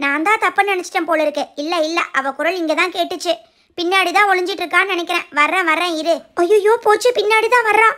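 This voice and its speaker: A woman's voice: very high-pitched, sharp tone. A woman voicing a sly, chatty young schoolgirl who frets aloud while hiding. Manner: fretful, whispery plotting asides. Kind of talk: cartoon voice acting.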